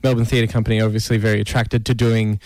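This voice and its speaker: A man's voice: lowish voice, level tone, fast, darkish tone, no room sound. A man, a musical theatre actor, talking enthusiastically and casually in a radio interview.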